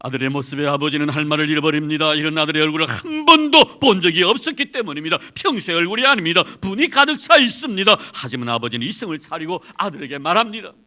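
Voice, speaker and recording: Bright-voiced dramatic male preacher. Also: fairly high pitch, expressive, fast, few pauses. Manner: dramatic storytelling, wide swings in loudness. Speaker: pastor. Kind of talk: sermon.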